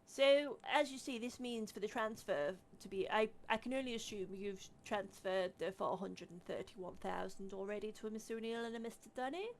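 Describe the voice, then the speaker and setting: A woman's voice: medium pitch, normal speed, few pauses. A woman streamer chatting in character as a town mayor, gushing and casual, swearing now and then. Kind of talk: in-character roleplay chat.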